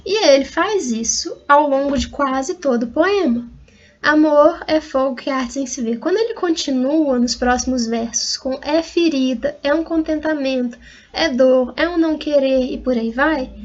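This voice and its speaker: A woman's voice: high voice, a little slow, muffled recording. A Brazilian woman lecturing on poetry, patiently and methodically spelling out rhyme schemes letter by letter. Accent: Brazilian Portuguese. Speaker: university literature lecturer. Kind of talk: recorded online lecture.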